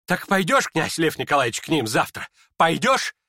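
A man's voice: on the high side, sing-song, normal speed, sharp tone, no echo, studio quality, pitched above the performer's own voice, full character voice. A man reading an audiobook and voicing a hot-tempered older woman who scolds shrilly and indignantly. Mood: furious.

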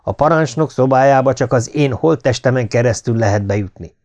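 A man's voice: medium pitch, darkish tone, voice pushed up, lightly acted. Man doing a stern military doctor, firm, commanding, storybook voice. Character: stern, resolute male army doctor.

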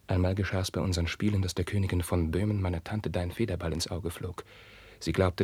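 An actor playing a young prince torn by forbidden love, declaiming classical verse with passion and dropping into hushed whispers. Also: male voice, sits low, slightly rough, dry recording. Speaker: actor in a radio play. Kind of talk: classical verse radio drama.

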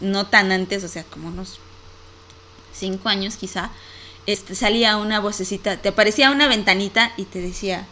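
A woman's voice: mid-range voice, sharp tone, slight background noise. A young woman hosting a casual online show, chatting and giggling to her viewers with a lot of "este" filler. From Mexico. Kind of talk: casual live-stream chat.

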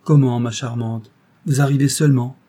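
A man's voice: medium pitch, moderate pace, warm tone, breathy edge, close to an everyday voice. A man reading a classic novel aloud, voicing an older baronet who questions his young wife fondly and a little reproachfully. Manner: fond questioning, slightly reproachful. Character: older baronet, doting and fond husband. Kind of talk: audiobook character reading.

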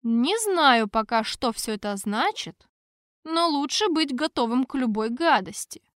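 A woman's voice: high voice, lively intonation, a little slow, a bit bright, dry recording, studio quality. A woman reading a first-person audiobook narration in a wry, conversational manner.

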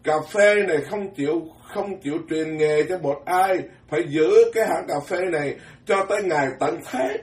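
A Buddhist monk gives a folksy, joking Dharma talk, stumbling over repeated words as he drives his points home. His voice sits a little high for a man. He is picked up from a distance, with a roomy echo around him. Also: normal speed, hardly any pauses. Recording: echoey hall from far off.

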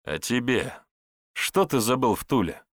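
A man's voice: medium pitch, lively intonation, measured pace, a bit bright, no echo, studio quality, pitched above the performer's own voice. A man voicing a blunt, sardonic male hero who speaks in a mocking, scornful way. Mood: threatening. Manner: mocking, scornful, plain-spoken.

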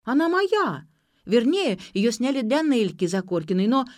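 A woman reading an audiobook, voicing a brash, stubborn young female student who talks high and indignant. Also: sing-song, darkish tone, no room sound, clean studio sound. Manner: high-pitched, quick and indignant.

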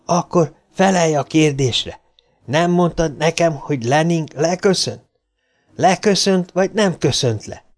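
Man playing a furious mathematician, blustering, shouting, raised pitch, audiobook. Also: lightly acted. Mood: angry. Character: hot-tempered male mathematician, loud and blustering.

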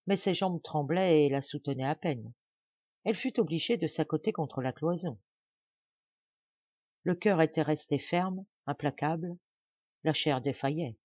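Woman reading a novel aloud, measured. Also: fairly low pitch, warm tone, breathy edge, no room sound, lo-fi sound. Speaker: audiobook reader. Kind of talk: scripted narration.

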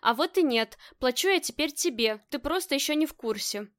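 A woman's voice: high-pitched, animated, fairly quick, fairly bright tone, dry recording, clean studio sound. Woman reading as a fond teasing husband. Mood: tender. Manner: tender, playful. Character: affectionate teasing husband, grown man.

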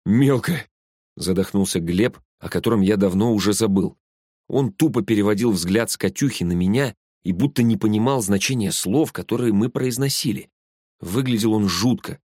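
A man narrating an audiobook in the first person with an even, measured reading. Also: fairly low pitch, no echo, studio quality. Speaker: audiobook reader.

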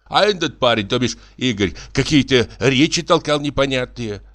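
A man's voice: mid-range voice, expressive, normal speed, a bit bright, pitched above the performer's own voice, natural voice. A man voicing a fussy, meddling old village woman in an audiobook, lamenting in a folksy drawl.

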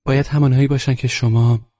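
A man voicing a guarded, wry young woman with a husky, raised voice in a dull, lo-fi audiobook recording. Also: mid-range voice, level tone, dark tone, pitched above the performer's own voice, close to an everyday voice.

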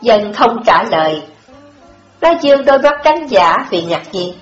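A woman's voice: medium pitch, sing-song, a little slow. Woman narrating a story in an echoey room. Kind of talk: audiobook narration. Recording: dull lo-fi audio, echoey room, faint music.

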